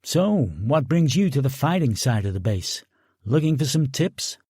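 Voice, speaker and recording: A man's voice: medium pitch, sing-song, measured pace, warm tone, breathy edge, dry recording, studio quality. A man voicing a brash, mocking American sergeant in an audiobook, talking in cocky, needling banter. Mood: taunting.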